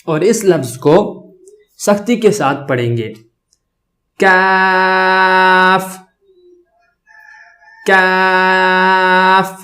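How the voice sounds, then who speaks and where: High-voiced man teaching letter sounds. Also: sing-song, a little mellow. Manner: slow, drawn-out letter sounds for repetition, checks in often. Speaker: Arabic alphabet teacher. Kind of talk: children's reading lesson.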